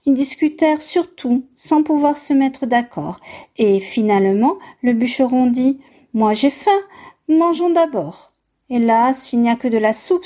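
A woman hosting a youth literature program, reading a tale aloud in a clear, measured storytelling voice. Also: fairly high pitch, warm tone. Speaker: radio program host and reader. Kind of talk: scripted narration of a tale and book review.

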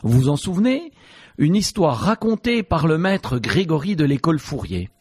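A man's voice: fairly high pitch, sing-song, moderate pace, a little mellow, husky. A male presenter introducing a children's story and addressing young listeners directly.

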